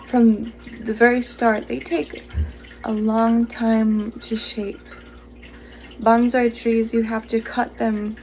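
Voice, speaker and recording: A woman giving a channeled tarot reading to the viewer, speaking gently, slowly and reassuringly, drawing out her words. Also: fairly high pitch, creaky, slight background noise, poor audio. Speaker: tarot reader. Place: home, pets nearby.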